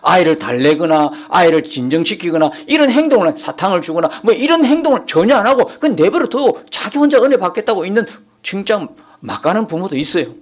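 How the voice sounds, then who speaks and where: A male pastor preaching a Sunday sermon, moving from emphatic peaks to soft, quiet asides. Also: sits high, big pitch swings, brisk, few pauses. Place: church sanctuary.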